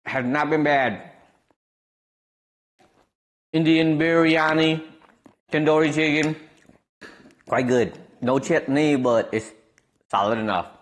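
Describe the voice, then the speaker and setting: A young Wisconsin man with a Midwestern American accent talks to his stream viewers in a voice on the high side, taking it slowly and pausing often. He's laid-back and rambling, full of fillers, and gets animated when something amuses him.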